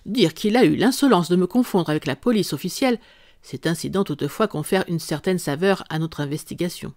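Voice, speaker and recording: A reader voicing a calm, ironic male detective who lays out his reasoning in an audiobook. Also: medium pitch, fairly quick, no echo, studio quality, lightly acted. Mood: composed, amused. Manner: composed, dryly amused, explanatory. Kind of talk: audiobook character reading.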